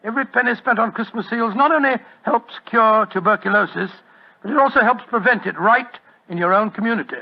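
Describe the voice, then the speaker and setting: An actor playing a genial, bluff older English doctor with a British accent, blustering and avuncular, in 1940s radio drama style. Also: male voice, high-pitched, brisk. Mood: jovial. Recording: muffled old radio broadcast.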